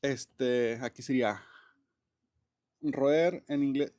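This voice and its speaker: A man's voice: medium pitch, takes it slowly, darkish tone. A man teaching English grammar in a casual, chatty way, full of fillers and restarts. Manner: chatty, many fillers and restarts, laughs often. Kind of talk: casual classroom explanation.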